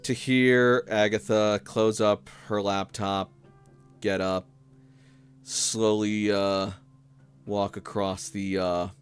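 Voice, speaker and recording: A man narrating a tabletop role-playing game as game master, measured, with pauses mid-sentence. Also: on the low side, flat delivery, clean tone, faint music behind.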